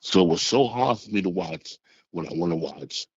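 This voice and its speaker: Caller on a phone line: man in his sixties, low voice, rambling and halting, a little muffled. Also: expressive, breathy edge, dry recording. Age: 60s. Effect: heard over a phone line. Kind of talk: casual phone-in storytelling.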